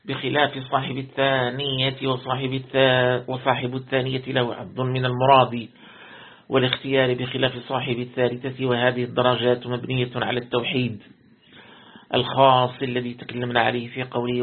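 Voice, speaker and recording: A man, a sheikh, reading a religious commentary aloud as a lesson. He reads steadily, repeats words to correct himself and slows into chant for quoted verses. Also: mid-range voice. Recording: tinny lo-fi phone-like recording.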